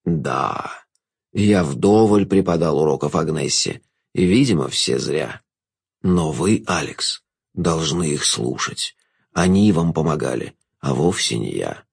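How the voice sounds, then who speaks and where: A man voicing a scheming, mocking male jester villain in an audiobook, speaking low, hushed and drawn out. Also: expressive, slow pace, gravelly, slightly rough, no room sound, clean studio sound, full character voice. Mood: sly, mocking.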